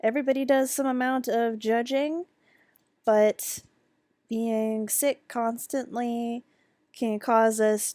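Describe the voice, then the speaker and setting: A woman guides a meditation in a gentle, unhurried voice that stays level and calm, with little rise and fall. Her delivery is conversational, sprinkled with casual fillers, and the sound is close and dry with no room around it. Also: mid-range voice, no room sound.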